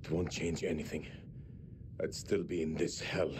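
A very deep-voiced, solemn Middle Eastern soldier. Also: male voice, flat delivery, normal speed, background noise. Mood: wary, resigned. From Iraq. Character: grave, weary Iraqi army lieutenant, a man. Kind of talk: dramatic video game acting. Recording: game music behind the voice.

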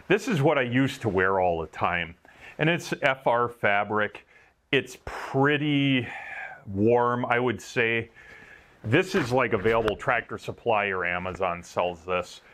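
Reviewing his work gear in an offhand, rambling way, this Wisconsin-accented welder mocks himself and swears now and then. He has a fairly low, fairly bright voice.

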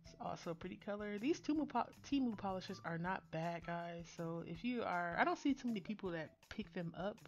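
A woman's voice: mid-range voice, lively intonation, brisk, few pauses, soft background music. Chatty woman, rambling voice-over. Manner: chatty and rambling, many fillers and restarts. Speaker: nail art vlogger. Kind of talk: casual voice-over narrating a nail tutorial.

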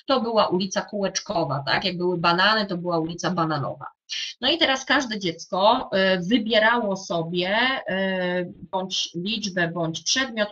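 Bright-voiced woman teacher, hesitant. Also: medium pitch, slightly rough. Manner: hesitant, many fillers and restarts; addresses fellow teachers directly. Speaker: primary school teacher. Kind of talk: explaining a classroom coding activity. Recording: dull lo-fi sound.

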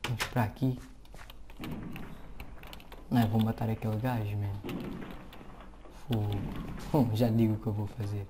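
Excitable Portuguese man narrating gameplay. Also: fairly low pitch, normal speed, long pauses, noisy background. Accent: European Portuguese. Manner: excitable, slangy, talks to viewers while playing. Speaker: gameplay commentator. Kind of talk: casual let's-play commentary. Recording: keyboard clicks and typing behind.

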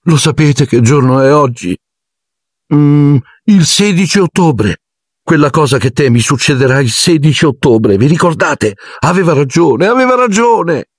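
A man voicing a dramatic, tearful teenage girl in an audiobook, in a high, wailing voice. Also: animated, measured pace, slightly rough, dry recording, studio quality. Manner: wailing, self-pitying. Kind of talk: audiobook character voice.

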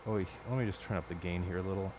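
Man, lowish voice, casual workbench talk, rambling, profane, late-night home build, faint background hiss. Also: quick pace. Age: adult. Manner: rambling, profane, self-correcting. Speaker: electronics hobbyist streamer.

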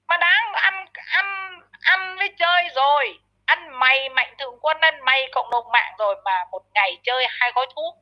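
High-pitched woman scolding harshly. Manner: frequent stammered repeats. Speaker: online commentator. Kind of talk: ranting commentary vlog. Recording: dull lo-fi audio.

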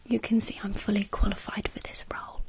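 A woman whispering an eye-exam ASMR roleplay in a soft, gently encouraging, deliberate manner with dry playful humor. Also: mid-range voice, flat delivery. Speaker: ASMR creator playing an eye examiner.

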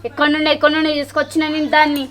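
Grumbling high-voiced village woman. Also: monotone, very fast, fairly bright tone, faint music behind. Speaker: mother-in-law in a comedy skit. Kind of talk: rural comedy skit acting.

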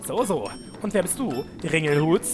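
A man's voice: on the high side, animated, normal speed, over music, close to an everyday voice. A man reading aloud the lines of a scheming, pompous male villain from a game. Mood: gloating.

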